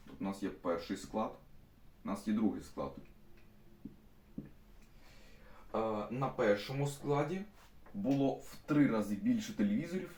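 Low-voiced man explaining math in an echoey room. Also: darkish tone. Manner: stops often to restate steps with fillers. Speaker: math teacher. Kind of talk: explaining math problems to students. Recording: echoey room, mic at a distance.

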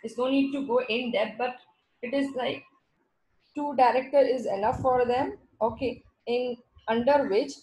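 A woman's voice: on the high side, unhurried, warm tone, a little hiss or hum, low-quality recording. A woman with a South Indian accent teaching an online class over a video call, explaining by repeating and rephrasing her points. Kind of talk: slide lecture with repeated check words.

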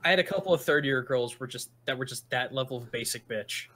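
A man's voice: mid-range voice, quick pace, pushed and bright. A man co-hosting a let's play, chiming in with dry, wry remarks in casual gaming commentary.

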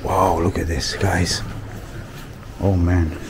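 A man's voice: low-pitched, level tone, slow pace, background noise. A young man from Romania filming a casual travel vlog outdoors, talking to his viewers and exclaiming at what he sees. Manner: exclaims often, loose fillers, talks to viewers as guys. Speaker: travel vlogger. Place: outdoors in a town street.

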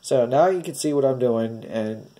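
A man's voice: medium pitch, moderate pace, warm tone. A man with a nasal, stuffy voice, hesitantly talking through a DIY painting tutorial step by step and hoping it turns out well. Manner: hesitant, hopeful, talks through each step. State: stuffy, congested. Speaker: craft tutorial host.

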